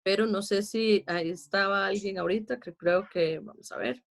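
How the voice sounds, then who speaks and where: Her voice sits at medium pitch with fairly even intonation and a creaky quality, moving at a moderate pace. This Costa Rican woman, an adult with a child, leads an online class, walking patiently through poetry meter and counting out syllables.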